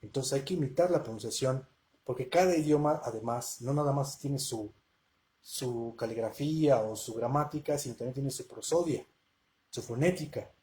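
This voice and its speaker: A man with a mellow, medium-pitched voice speaks at a moderate pace while hosting a live question-and-answer language lesson. He keeps it conversational, often checking in with listeners through rhetorical questions.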